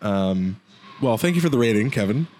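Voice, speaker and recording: A man's voice: lowish voice, animated, a little mellow, a little hiss or hum. Man joking on a hockey podcast. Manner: joking, rambling, quick asides. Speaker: podcast co-host. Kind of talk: casual hockey podcast chat.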